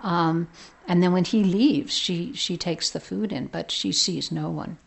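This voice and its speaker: A woman's voice: on the low side, measured pace, creaky. A woman storyteller voicing helpful village folk who chat casually with hesitations. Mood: chatty.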